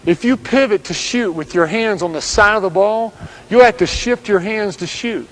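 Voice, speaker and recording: Man, high-pitched voice, coach narrating, calm instructional read, clear direct commands. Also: moderate pace, rough recording. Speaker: basketball coach.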